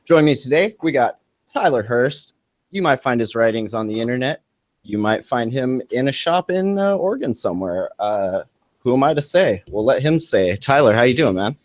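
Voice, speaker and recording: A man hosting a casual podcast, talking in a loose, rambling way. His voice sits at an ordinary middle pitch. It is recorded on a close mic in a dry room with no echo. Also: lively intonation, moderate pace, darkish tone. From Montana. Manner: loose, rambling, laid-back delivery. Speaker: podcast host. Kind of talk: casual chat.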